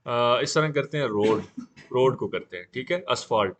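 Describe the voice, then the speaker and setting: A man teaching a live beginner class on 3D software, talking casually and often saying "okay" while he works. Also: medium pitch, expressive, a little slow. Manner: casual, repeats "theek hai" often. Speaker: 3D software instructor.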